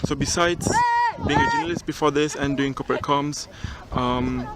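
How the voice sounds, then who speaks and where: A young man recording a casual video cover letter outdoors on a mountain top, relaxed and chatty, with frequent ums and restarts. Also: fairly high pitch, moderate pace. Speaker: job applicant. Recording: outdoor recording with clear background noise.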